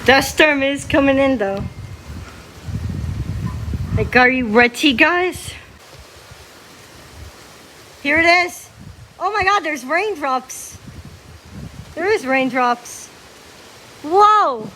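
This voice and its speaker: A woman giving excited, exclamatory live storm commentary outdoors in strong desert wind, repeating short phrases in awe. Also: high voice, drawn-out words, long pauses. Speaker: storm vlogger filming. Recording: loud wind noise buffeting the microphone.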